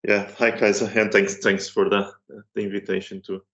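A man's voice: on the low side, flat delivery, normal speed, fairly bright tone, muffled recording. A middle-aged man from Portugal with a Portuguese accent, a museum curator being interviewed, talking hesitantly with many fillers and restarts. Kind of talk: online course interview.

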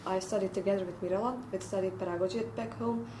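A woman's voice: medium pitch, steady tone, fast talker, noisy background. A young woman from Bosnia and Herzegovina, an exchange student, answering interview questions thoughtfully with many fillers. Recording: roomy echoey room.

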